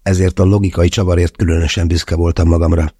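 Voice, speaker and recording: A man's voice: low voice, little pitch movement, warm tone, slightly rough, no echo. A man reading a first-person novel aloud, wry and confessional, close to the mic. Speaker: audiobook narrator. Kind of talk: first-person audiobook narration.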